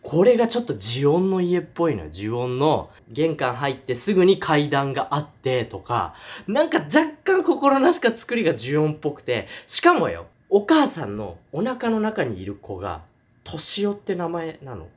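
A man's voice: on the high side, moderate pace. A man retelling a horror film in a casual review monologue, acting out scenes with sound effects and voices. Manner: animated storytelling with sound effects and acted voices.

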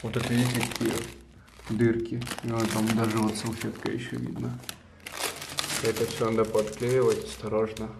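Man in his twenties, low pitch, casual vlog chat, indoor room, noisy camera audio. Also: flat delivery, normal speed, gravelly. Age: 20s. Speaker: vlogger. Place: small apartment room, indoors. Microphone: camera at arm's length.

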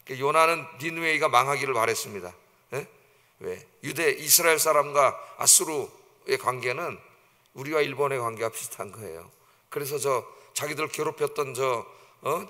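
A middle-aged male pastor giving an animated sermon in a church, telling the story vividly and often checking in with the congregation. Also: mid-range voice. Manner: animated storytelling, acts out quoted voices, often asks "예?" to the congregation. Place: church sanctuary. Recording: church hall reverb.

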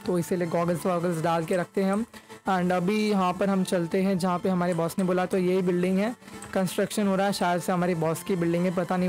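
This is a young adult man, a YouTuber who games, chatting casually about his play in mixed Hindi and English. He sits close to a microphone in front of his face, and his high voice has a darkish tone.

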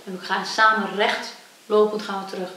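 A young adult woman, a kickboxer, tells her personal story in an interview and acts out the voices she quotes with lively energy. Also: medium pitch, normal speed, recorded from a distance. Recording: echoey room, voice from off-mic, faint hiss.

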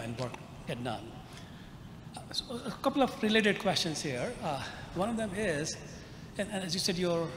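A man in the audience asks a long, rambling question at a conference, halting and repeating words often. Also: fairly high pitch. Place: large conference auditorium. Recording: echoey hall with audible noise.

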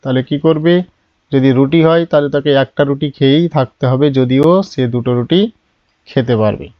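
A man teaching chemistry in a classroom style, patient and step by step, asking questions and then answering them himself in a lower voice. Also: brisk, no echo, muffled recording. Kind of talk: classroom lesson.

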